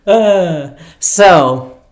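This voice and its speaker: A young man co-hosting a podcast, chatting casually and telling rambling stories, laughing often and filling pauses with "um" and "like.". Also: high voice, lively intonation, a crowd in the background. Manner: laughing, rambling storyteller with many fillers. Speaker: podcast co-host. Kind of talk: casual chat.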